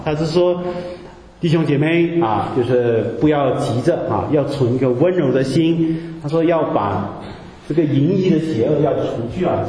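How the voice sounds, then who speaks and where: A man's voice: mid-range voice, warm tone. A man preaching a sermon in a conversational way, explaining scripture and asking his listeners rhetorical questions. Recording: echoey hall with long reverb, faint background noise.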